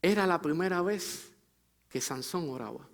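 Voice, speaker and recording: A male pastor preaches a sermon in a fairly high voice with vocal fry at a moderate pace, addressing his congregation directly as brother and sister. Each phrase builds with rising emphasis, then drops low and soft as the thought closes.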